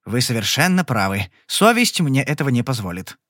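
A man voicing a charming young gambler in an audiobook, smooth and mocking. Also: medium pitch, big pitch swings, a little fast, fairly bright tone, no echo, studio quality. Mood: cool. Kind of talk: audiobook character voice.

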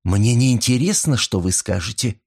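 A man voicing a polite young woman who grows sharp and indignant, in a storybook reading. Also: medium pitch, lively intonation, normal speed, gravelly, husky. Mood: indignant, furious.

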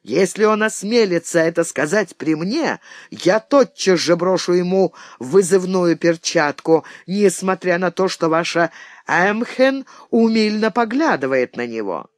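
Brief: boastful hot-tempered knight, high and animated, voiced by a male reader. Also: a little slow, no room sound, clean studio sound. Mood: blustering. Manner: blustering, boastful.

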